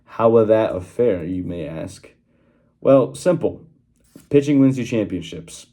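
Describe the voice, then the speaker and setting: A young man with a lowish, warm, mellow voice talks casually into his phone in a small workroom. He wanders through his points with frequent fillers and restarts, and the sound has the plain quality of a phone recording. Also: animated, unhurried. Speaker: channel host giving sports predictions. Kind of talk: casual one-take vlog talk.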